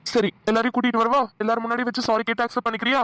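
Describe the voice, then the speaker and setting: An actor voicing a bossy yet coaxing young cartoon husband, mid pitch, dry mic. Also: flat delivery, very fast, a bit bright, no room sound, lightly acted. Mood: exasperated. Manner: scolding, then pleading and chuckling. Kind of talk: Tamil cartoon dialogue.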